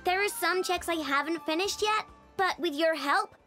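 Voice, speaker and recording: A woman's voice: very high voice, normal speed, bright, forceful tone, soft background music. An actress voicing a confident young girl inventor in a video game, speaking in a breezy, casual, matter-of-fact way.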